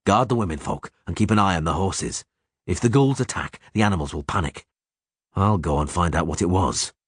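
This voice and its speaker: A man's voice: low-pitched, fairly quick, breathy edge, no echo, clean studio sound. A man voicing a hardened male monster hunter who talks in terse, clipped commands. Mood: steady.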